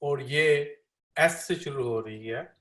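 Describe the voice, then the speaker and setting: A man's voice: mid-range voice, slow pace, a bit bright. A man interpreting a classroom lecture live, repeating each line with many fillers. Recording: echoey room.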